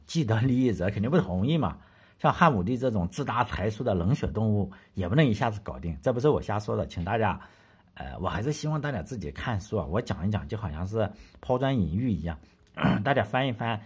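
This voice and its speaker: A man hosts a history podcast in a low voice with a husky, breathy grain. He tells the story in a loose, chatty way, keeps putting questions to the listener, and swears without a second thought. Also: darkish tone. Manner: colloquial, blunt, swears freely, asks the listener rhetorical questions. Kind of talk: casual storytelling lecture.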